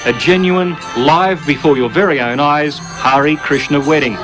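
An Australian man narrating a television news feature in a wry, measured voice-over. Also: on the high side, music in the background, poor audio. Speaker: television reporter.

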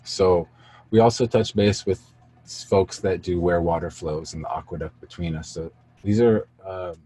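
A man's voice: low-pitched, moderate pace, warm tone, husky, rough recording. A man in his thirties, a community organizer, talking earnestly and a bit rambling on a video call. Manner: earnest, rambling, many fillers. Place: indoor room, studio gear behind.

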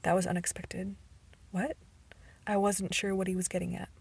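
Amateur female audiobook narrator, breathy tone, flat pitch, stumbles now and then. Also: normal speed. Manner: occasional stumbles and restarts. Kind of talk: first-person novel narration.

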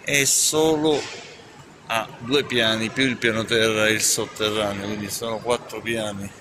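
A man's voice: fairly low pitch, steady tone, measured pace. A man vlogging as he walks through a shopping mall, narrating casually in a playful, enthusiastic, teasing way. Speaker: travel vlogger. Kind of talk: casual walking-tour narration. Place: large indoor shopping mall. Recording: noisy mall ambience.

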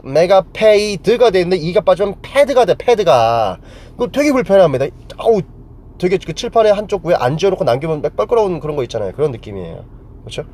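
A man's voice: on the high side, warm tone. A man teaching English grammar to a class, playful and joking, quizzing students with silly memory tricks.

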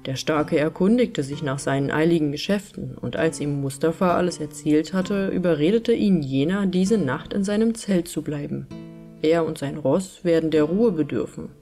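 A woman reading an old fairy tale aloud as an audiobook, with calm, measured narration. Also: deep voice, faint music behind. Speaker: storyteller.

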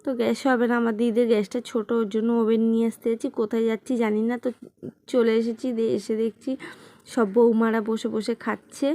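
A woman's voice: fairly high pitch, level tone, fast talker, mellow. Chatty woman narrating a home vlog. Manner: chatty, rambling, addresses viewers directly. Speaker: vlogger.

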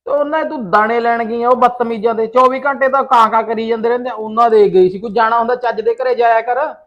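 A man's voice: extremely high pitch, fairly even intonation, fast talker. A man playing a lecturing village husband in an amateur short film, with a scornful tone. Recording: dull lo-fi sound.

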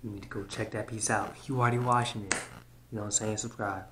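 A man's voice: fairly low pitch, fairly even intonation, quick pace. A young man hosting a reaction video, telling a story in a loose, slangy, casual way that repeats itself. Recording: noisy home recording with clicks.

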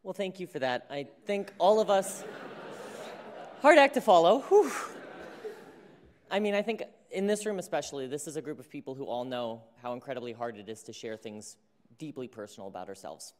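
Higher-voiced young man in an echoey hall. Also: lively intonation, normal speed. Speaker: conference organizer co-hosting. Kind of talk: stage speech. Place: large conference hall stage. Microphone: handheld microphone. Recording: echoey hall, distant from the mic.

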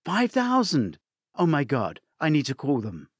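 A man voicing an anxious, excitable young woman in an audiobook reading, with a high, rising delivery. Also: unhurried, husky, no echo, studio quality, heavily acted. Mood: alarmed.

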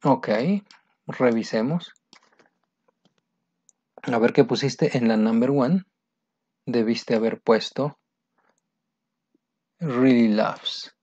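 A man's voice: medium pitch, fairly even intonation, slow pace, long pauses, darkish tone, no room sound. A man teaching English, going over exercise answers step by step in a patient, explaining manner and repeating each answer. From Mexico. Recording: dry, dull lo-fi sound.

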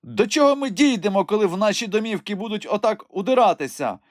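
A defiant old peasant widow shrieks and scolds in a high, thin storybook voice. Her talk is sharp-tongued and cursing, recorded dry and close. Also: expressive, quick pace, dry recording. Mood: scolding.

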